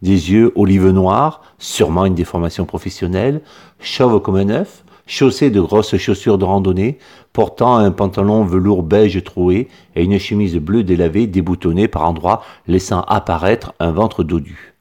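A man reading a humorous story aloud in a lively, expressive way. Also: low-pitched, moderate pace. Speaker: narrator.

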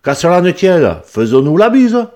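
A man's voice: high-pitched, sing-song, normal speed, darkish tone, pitched above the performer's own voice. A man voicing a brash, plump farmer from the south of France with a strong southern French accent and a boisterous way of exclaiming.

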